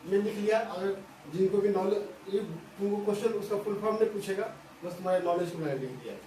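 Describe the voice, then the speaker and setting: A man's voice: sits high, fast talker, warm tone. A man teaching a school maths lesson at a board, explaining step by step, repeating phrases and often checking whether students follow. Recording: echoey room from a distance, faint hiss.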